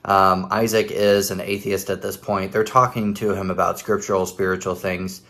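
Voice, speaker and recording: Man, thirties, lowish voice, casual critical commentary, sarcastic, recorded at home. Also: little pitch movement, moderate pace, fairly bright tone. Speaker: host of a commentary video. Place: living room at home.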